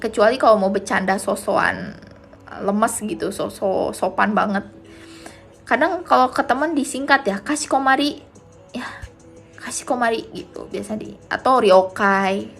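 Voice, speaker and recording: A woman teaching Japanese on a live stream, chatting casually with viewers as she explains each answer slowly. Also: high-pitched, gravelly, fairly bright tone.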